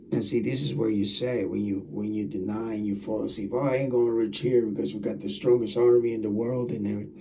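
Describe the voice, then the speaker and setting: Talking directly to the camera, a US vlogger delivers a loose monologue to his audience, wandering off track and saying things more than once. His voice is lowish with a dark tone, and it was recorded from a distance.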